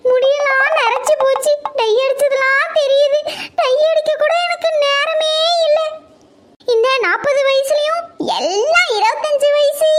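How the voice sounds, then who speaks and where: A woman playing a vain, scheming daughter-in-law in her forties, grumbling loudly about housework. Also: extremely high pitch, voice pushed up. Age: 40s. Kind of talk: comedy skit.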